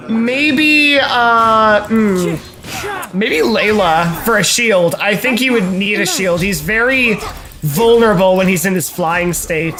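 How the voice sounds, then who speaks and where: Over crowd noise, a man with a high-pitched voice speaks slowly while co-hosting a live game stream. He chats casually, musing and theorizing aloud, hedging with lots of fillers.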